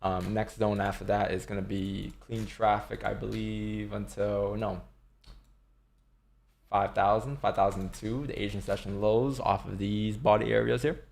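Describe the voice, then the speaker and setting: A lowish, slightly mellow voice with vocal fry and a level tone belongs to this man in his twenties, a day trader chatting unhurriedly on a livestream. He answers chat questions in a laid-back way, with occasional swearing.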